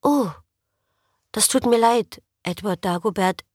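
A woman voicing a cheeky, talkative young girl in an audiobook, with bright, excitable speech. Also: mid-range voice, takes it slowly, no room sound, studio quality. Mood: sympathetic. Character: chatty, cheeky human girl, bubbly and outspoken. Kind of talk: audiobook character voice.

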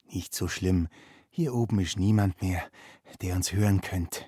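A man voicing a secretive, commanding old village woman who speaks in a hushed, urgent voice. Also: sits low, unhurried, breathy edge, no echo, studio quality, pitched above the performer's own voice. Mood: calm.

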